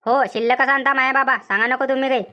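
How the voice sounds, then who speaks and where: A woman's voice: sits high, fairly even intonation, fast talker, bright, forceful tone. A woman voicing a whiny village wife. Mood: teasing. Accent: rural Vidarbha Marathi. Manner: whiny, complaining. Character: complaining young village wife.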